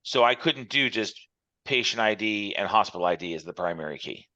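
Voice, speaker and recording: A man's voice: lowish voice, lively intonation, fairly quick, pushed and bright, no echo. A man teaching an online class over a conference call, walking through examples step by step. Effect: heard over a conference call. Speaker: instructor. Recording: muffled, dry call audio.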